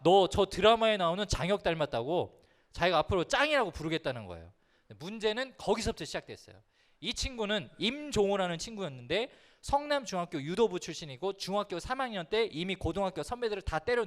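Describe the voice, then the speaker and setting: A man preaching to middle school students, telling a humorous story in a lively way and often speaking to the listeners directly. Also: sits high. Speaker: youth pastor. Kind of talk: storytelling sermon to teens.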